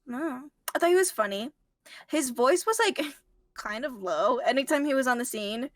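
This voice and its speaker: High-voiced woman chatting about a movie. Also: expressive, moderate pace, no room sound, clean studio sound. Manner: chatty, laughs often, trails off mid-sentence. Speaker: co-host. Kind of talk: casual movie review chat.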